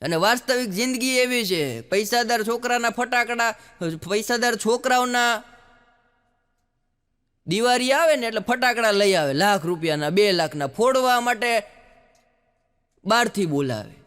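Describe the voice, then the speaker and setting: A man's voice: very high-pitched, expressive, measured pace, fairly bright tone, clear, resonant tone, big-room sound. A man doing stand-up, telling folksy stories and acting out the dialogue. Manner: folksy storytelling, acts out dialogue. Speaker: stand-up comedian. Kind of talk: live stand-up storytelling.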